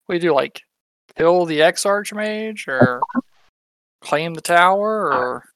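A man's voice: high-pitched, takes it slowly, fairly bright tone, clean tone, no room sound, low-quality recording. A man chatting casually as a player in a tabletop role-playing game.

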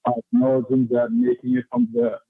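A man's voice: mid-range voice, very animated, fairly quick. A male caller on a call-in show, heard through a muffled bluetooth headset mic and speaking in a mock-formal way. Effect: muffled bluetooth headset mic on a call-in line. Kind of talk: call-in to a livestream talk show. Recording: tinny muffled phone line.

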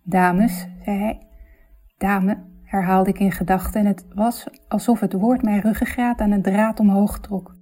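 A woman narrating a literary story in a reflective, measured, intimate way. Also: medium pitch, steady tone, mellow.

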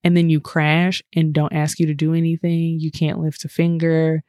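A woman's voice: low-pitched, moderate pace, clear, resonant tone, no room sound, studio quality. A woman co-hosting a podcast in casual chat, telling stories with lots of "like" and acted-out quotes. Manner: animated storytelling, acts out quoted dialogue, frequent "like".

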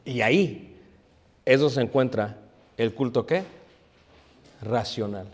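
Speaking slowly in a medium-pitched voice, this pastor delivers a sermon in a large church hall. He berates the congregation and asks questions only to answer them himself.

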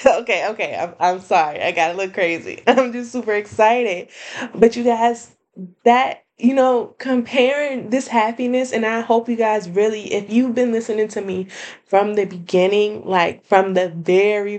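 Excitable woman hosting a solo podcast. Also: medium pitch. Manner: chatty, excitable, lots of fillers and laughs. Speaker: podcast host. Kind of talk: casual solo podcast update.

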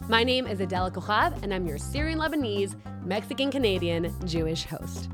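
A woman's voice: mid-range voice, lively intonation, fairly quick, over music. A woman hosting a conversational podcast, upbeat and playful, laughing easily with her guest. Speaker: podcast host.

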